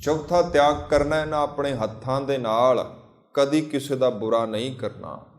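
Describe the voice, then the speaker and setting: A man giving a Sikh sermon, slowly chanting scripture lines between plain explanations and repeating phrases in lists. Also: mid-range voice, reverberant. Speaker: Sikh preacher.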